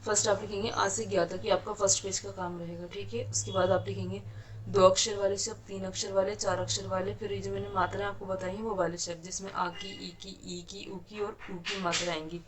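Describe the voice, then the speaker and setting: Woman, teacher, online kindergarten lesson, patient, step-by-step, flat even tone. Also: mid-range voice, a little fast. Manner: patient, explains step by step, often checks with "ठीक है".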